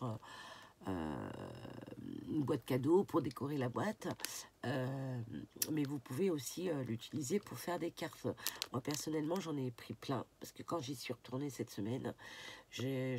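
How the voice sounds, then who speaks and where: Showing off her craft shopping haul in a casual vlog to camera, this woman sounds nasal and congested. Her voice is deep and her manner easygoing, peppered with fillers and repeated "voilà"s. Packaging crinkles and clicks in the noisy background.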